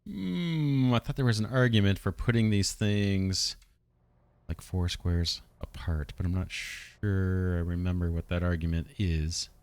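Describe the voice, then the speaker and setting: A man with a low, deep voice talks through his factory game as he plays. He muses out loud, unhurried, often asking himself questions as he works out his next step. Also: smooth. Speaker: let's play host. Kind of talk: thinking aloud while playing a strategy game.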